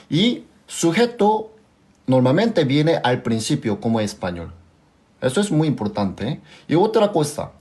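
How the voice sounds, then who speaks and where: A man's voice: medium pitch, darkish tone. A man with a Korean accent teaching a language class, who patiently repeats examples and keeps asking his students if they understood. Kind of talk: live class explanation.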